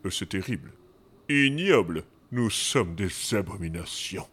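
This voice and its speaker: A man doing a gravelly, deep-voiced fake ghost. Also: expressive, a little slow, fairly bright tone, exaggerated voice. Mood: mournful. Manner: deflated, grumbling. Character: weary fake ghost under a sheet.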